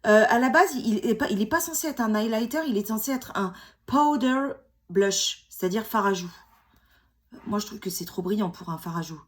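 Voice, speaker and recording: Expressive and moderately paced, this mid-range female voice belongs to a beauty vlogger in her forties who has a cold. She chats casually and jokes about herself during a makeup tutorial at home, full of fillers and restarts.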